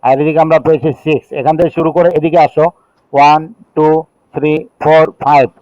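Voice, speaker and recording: Mid-pitched man teaching chemistry, dry lo-fi sound. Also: fairly even intonation, dry recording. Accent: Bangladeshi. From Bangladesh. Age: middle-aged. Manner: reads rules slowly in English, then explains in Bengali, counting aloud. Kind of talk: classroom lecture. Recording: dull, dry lo-fi recording.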